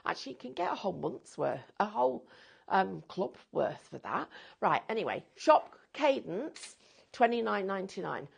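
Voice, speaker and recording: A woman hosts a live craft shopping broadcast with chatty, enthusiastic sales patter. Her voice has a strong gravelly fry and a husky edge. She jokes easily with her co-presenter as she pitches to the audience. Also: big pitch swings, fairly quick. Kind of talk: live shopping-show chat.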